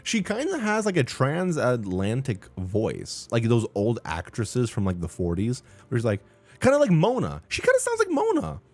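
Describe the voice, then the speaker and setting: A man's voice: medium pitch, huge pitch swings, moderate pace, faint music behind. A man reacting casually to a video game as a gaming YouTuber, joking around with laid-back slang.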